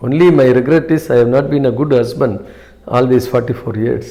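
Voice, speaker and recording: A man in his seventies, an interview guest, speaking in a measured, hesitant way with many fillers and some English phrases. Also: medium pitch, fairly even intonation, gravelly, warm tone. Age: 70s. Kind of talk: reflective interview talk.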